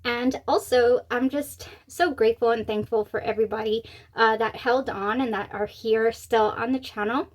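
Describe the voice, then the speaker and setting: A woman chatting casually to camera as a review host, excited and gushing, speaking with a slightly swollen mouth after having wisdom teeth out. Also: a little high, normal speed. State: recovering from wisdom teeth removal, mouth swollen on one side. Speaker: fragrance review channel host.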